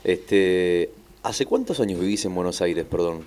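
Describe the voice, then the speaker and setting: An Argentine man, a radio announcer, asking interview questions in an unhurried, repetitive way in a studio. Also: sits low, expressive, a little mellow, a little hiss or hum. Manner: friendly, unhurried, repeats phrases.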